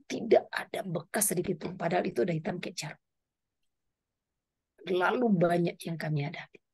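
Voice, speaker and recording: Woman, middle-aged, husky breathy voice, testimony sermon, animated storytelling. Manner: animated storytelling, pitch swinging up and down. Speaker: women's prayer meeting speaker.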